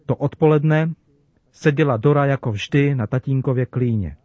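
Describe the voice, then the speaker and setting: Gentle man telling a children's sermon. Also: mid-range voice, no echo, highs cut off. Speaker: preacher speaking to children.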